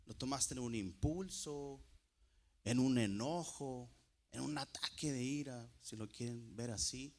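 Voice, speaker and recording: A man preaching a sermon to a congregation, calling them brothers and repeating key phrases slowly for emphasis. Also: mid-range voice, darkish tone.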